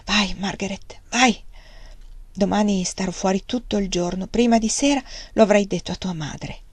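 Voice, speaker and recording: A woman reading a troubled middle-aged clergyman father, speaking softly and hesitantly in a measured way, in an audiobook. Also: mid-range voice, breathy edge, dry recording, lightly acted. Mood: grave. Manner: soft, hesitant, measured delivery.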